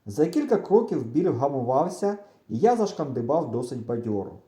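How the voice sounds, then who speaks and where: A man reads a children's adventure aloud, with animated storytelling that swings widely in pitch. His tone is dark and mellow but sits slightly high. The room around him is echoey. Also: moderate pace. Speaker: audiobook reader. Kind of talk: expressive audiobook narration.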